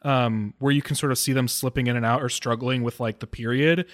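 A man's voice: medium pitch, fairly even intonation, fairly quick. A man co-hosting a recap podcast in a casual conversational style. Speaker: podcast co-host. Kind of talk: casual episode recap chat.

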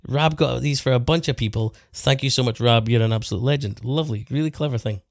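Man, podcast host, casual banter, close dry sound, mid-pitched voice. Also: quick pace, no echo. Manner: chatty, bantering. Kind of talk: casual chat about car detailing.

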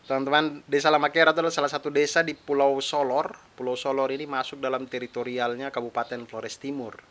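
A faint hiss sits under this solo podcast monologue by a young comedian-host from East Nusa Tenggara with a mixed eastern Indonesian accent. He's chatty and self-deprecating, speaking a little fast in a mid-range, a bit bright voice that barely shifts in pitch.

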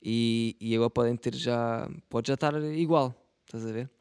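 A man's voice: mid-range voice, steady tone, moderate pace, a little mellow, clean tone, dry recording. Rambling young Portuguese man, dry sound. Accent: European Portuguese. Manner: rambling, self-mocking, slangy and profane. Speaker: podcast host. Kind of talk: casual solo podcast monologue.

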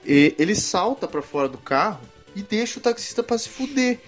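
A man's voice: high voice, sing-song, moderate pace, soft background music. A man co-hosting a podcast, talking through a film in a rambling, slangy, profane way and laughing often. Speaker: podcast co-host. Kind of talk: casual film-review chat.

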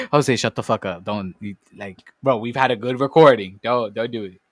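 A young man co-hosting a casual podcast chat, teasing and excitable. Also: medium pitch, moderate pace, dry recording, studio quality. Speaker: podcast co-host.

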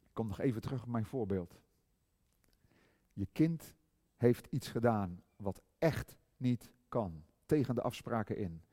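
A middle-aged male preacher giving a sermon, swinging from loud emphasis to hushed tenderness and drawing out key words slowly. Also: mid-range voice, animated, no echo, studio quality. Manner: slow, drawn-out stress on key words.

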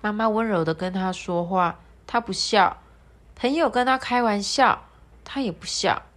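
A woman reads a children's story aloud, gentle and sing-song. She rises and dips to voice the characters as she goes. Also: mid-range voice, normal speed.

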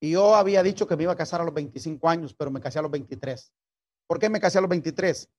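An older man delivers a sermon to young people. His voice sits a little high for a man. He tells his story earnestly, restarting phrases and turning often to his listeners as brother and sister. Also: very fast. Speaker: pastor. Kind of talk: sermon to youth.

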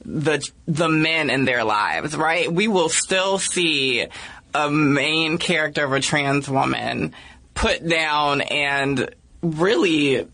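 Woman, podcast guest, unhurried and crisp-toned, earnest and measured. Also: deep voice, a bit bright. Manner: measured, earnest, often ending points with "right?". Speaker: podcast guest, activist and writer. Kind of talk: casual podcast discussion.

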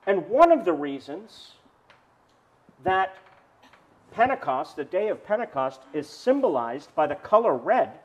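Lively, high-voiced preaching man. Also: measured pace, long pauses, dull audio. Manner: animated storytelling preacher, asks the congregation questions. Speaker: pastor. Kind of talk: sermon. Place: outdoors with congregation.

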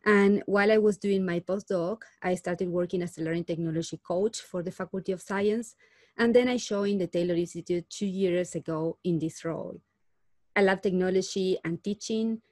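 A woman from Argentina, a learning technology specialist, answering interview questions thoughtfully with frequent "uh" pauses. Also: lowish voice, steady tone, darkish tone, no room sound, studio quality. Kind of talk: conversational podcast interview.

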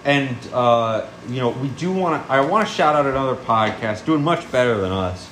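A man's voice: mid-range voice, expressive, normal speed, a bit bright. A young man co-hosting a podcast in casual chat, rambling and laid-back, with lots of fillers. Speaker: podcast co-host. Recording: echoey room with faint noise.

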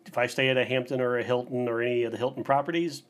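A man's voice: medium pitch, level tone, racing. A middle-aged man chatting easily as a podcast guest, joking and laughing along. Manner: easygoing, laughs along, playful. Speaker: podcast guest, bike tour operator. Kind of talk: casual podcast chat.

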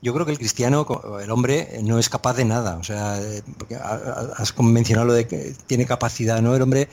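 A man's voice: medium pitch, a little fast, a little mellow. Hesitant, reflective man on faith. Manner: thoughtful, hesitant with many fillers and restarts. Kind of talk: reflective conversational preaching.

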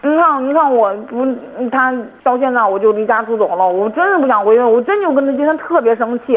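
A woman's voice: a little high, lively intonation, quick pace. A woman calling in to a radio advice show, complaining and stammering as she talks. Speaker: caller. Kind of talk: radio call-in. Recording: tinny phone line.

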